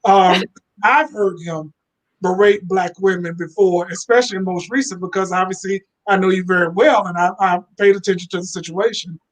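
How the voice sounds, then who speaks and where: A man's voice: high-pitched, fairly even intonation, normal speed. A man speaking as a guest on a live online panel, blunt and profane, over a video call.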